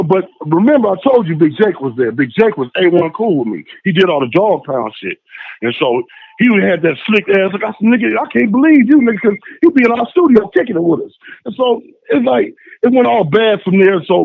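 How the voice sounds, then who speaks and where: A man calling in by phone to tell a story in casual chat, lively and acting out the voices of the people in it. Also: high-pitched, creaky, dry recording. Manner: animated, acts out voices in his stories. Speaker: phone-in guest. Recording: tinny phone line.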